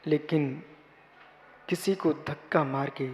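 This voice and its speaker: High-voiced monk preaching in an echoing hall. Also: male voice, takes it slowly. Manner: repeats phrases, swelling to loud emphatic exhortation. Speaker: Jain monk. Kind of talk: sermon. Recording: reverberant hall.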